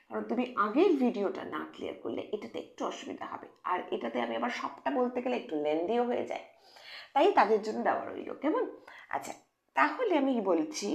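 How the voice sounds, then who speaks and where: A woman teaching English phonics to children in a lively, questioning way. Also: medium pitch, gravelly. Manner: animated, questioning teacher voice addressing kids. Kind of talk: children's lesson.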